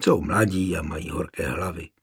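A man voicing a calm, weary camp officer who teases his comrades, in a gravelly voice. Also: low-pitched, voice pushed down, heavily acted. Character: worried, jocular older comrade and officer.

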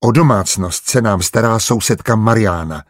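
A man's voice: on the low side, no echo, studio quality, lightly acted. A man playing a proud, stubborn young husband. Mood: restrained. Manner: stiff, restrained. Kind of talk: audiobook character voice.

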